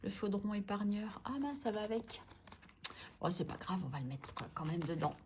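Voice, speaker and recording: A woman's voice: medium pitch, lively intonation, normal speed, noisy background. A woman vlogging about her budget envelopes, chatting casually and playfully scolding herself as she sorts things. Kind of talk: casual chat while sorting envelopes.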